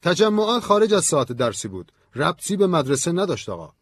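A man's voice: a little high, big pitch swings, breathy edge, dry recording, pitched above the performer's own voice, full character voice. A man voicing a fiery, outspoken man who argues hotly in an audiobook story. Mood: heated. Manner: heated, forceful.

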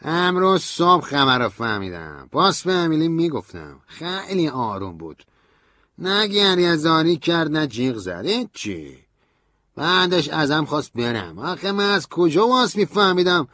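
A shrill, loud grown man, bitter and volatile, who drawls his jabs slowly and bursts into shouts. The voice sits far above a normal male register, and the recording is dry and close. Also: very animated, dry recording. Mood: grief-stricken. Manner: sneering, drawn-out and shouting.

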